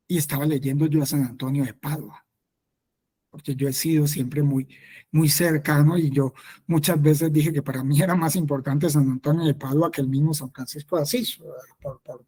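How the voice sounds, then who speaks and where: Mellow-voiced friar giving catechesis. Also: male voice, a little high, breathy edge. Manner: conversational, repeats himself, frequent affirming "sí". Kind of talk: spoken catechesis, personal testimony.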